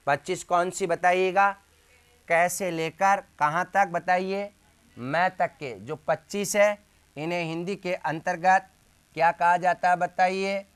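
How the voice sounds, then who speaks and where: A man's voice: sits high, fairly even intonation, clear, resonant tone. A man teaching a Hindi grammar lesson, drilling letter sounds one by one and asking questions that he answers himself. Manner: drills sounds slowly, asks and answers his own questions. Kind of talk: classroom lesson.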